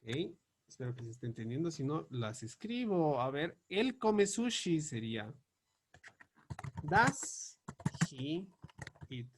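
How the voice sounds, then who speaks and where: A man teaching English grammar, spelling out example questions slowly and word by word as he writes them up. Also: on the high side, big pitch swings, a little mellow, slight background noise. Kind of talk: explaining grammar on a board.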